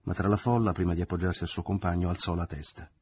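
Measured male novel narrator with a low, husky voice. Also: steady tone, darkish tone. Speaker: audiobook reader. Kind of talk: literary narration.

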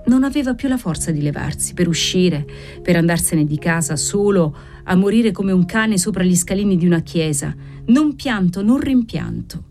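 Audiobook narrator, woman, mellow and expressive, soft music bed. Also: on the low side, normal speed. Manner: expressive, dramatic reading.

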